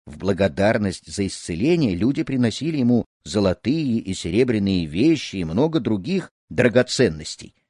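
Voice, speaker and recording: A man's voice: on the low side, normal speed, hardly any pauses, breathy edge, no room sound, clean studio sound. A man narrating a folk tale, telling it expressively to listeners. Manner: expressive, animated storyteller.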